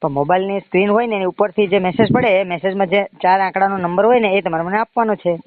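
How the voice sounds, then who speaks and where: On a recorded phone sales call, a man with a Gujarati accent claims to be a bank loan agent, sounding insistent, pushy and repetitive. His voice sits high and he talks fast, with no room sound, through a muffled, narrow-band phone line.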